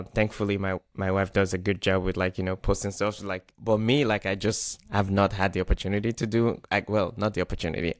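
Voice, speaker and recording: Man, 30s, low smooth voice, dry sound, easygoing podcast host. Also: no echo. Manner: casual, lots of "like" and restarts. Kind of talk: casual chat.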